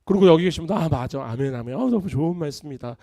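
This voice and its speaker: Man, pastor, sermon, high voice, swooping pitch, dry close sound, conversational. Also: racing, no echo. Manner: animated, conversational preaching with acted-out family quotes. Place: church sanctuary.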